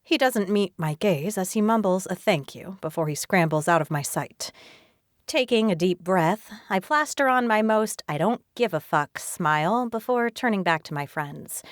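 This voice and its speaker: A woman narrating a romance audiobook in the first person in a steady, even reading voice. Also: mid-range voice, normal speed, no room sound, clean studio sound.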